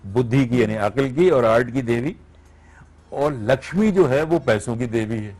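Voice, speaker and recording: A man's voice: mid-range voice, normal speed, a little mellow, soft background music. A man, a radio voice artist, explaining his craft step by step as a guest on a TV morning show and checking that he is understood. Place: TV studio.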